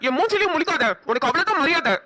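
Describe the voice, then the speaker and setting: A woman voicing a hot-tempered, scolding young man in a cartoon, angry and rapid. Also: extremely high pitch, animated, noisy background. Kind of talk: cartoon voice acting.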